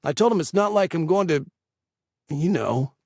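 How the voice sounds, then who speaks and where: A man's voice: fairly high pitch, expressive, moderate pace, darkish tone, dry recording, clean studio sound, voice pushed up. A man doing an offhand teenage boy. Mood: casual. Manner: offhand, casual talk. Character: blunt, lively teenage boy.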